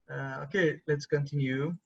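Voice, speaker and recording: A man's voice: fairly high pitch, creaky, slightly rough. A man teaching a university photography class online, lecturing in a conversational way and often checking in with his students. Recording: dull lo-fi recording.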